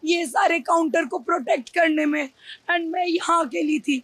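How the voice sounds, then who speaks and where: A woman's voice: very high-pitched, normal speed, fairly bright tone, no echo. A young woman shopkeeper speaking as an eyewitness, tearful and distressed, her voice choked and sometimes raised. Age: young adult. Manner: distressed, raising her voice, mixing in English.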